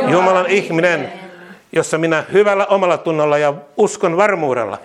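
High-voiced man leading fervent prayer. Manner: fervent, chanting repeated syllables, speaking in tongues; laughing through his words. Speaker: prayer leader. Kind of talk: charismatic prayer and blessing. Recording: crowd noise in the background.

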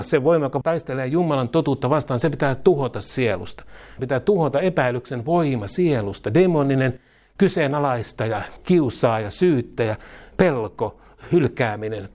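Male charismatic preacher, mid-pitch, builds to loud repeated declarations, leads prayer aloud. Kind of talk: charismatic sermon with spoken prayer.

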